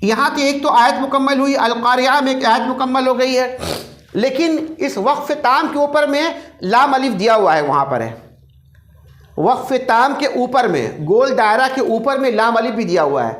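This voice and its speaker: A man's voice: very high-pitched, normal speed, fairly bright tone. A male recitation teacher giving a classroom lecture, repeating each rule and quizzing his students. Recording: roomy echo.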